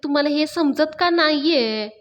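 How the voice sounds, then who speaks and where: Woman reading as a quick-tempered, boastful young liar, taunting and defensive, fairly high voice. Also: lightly acted. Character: boastful, hot-tempered young man who lies easily.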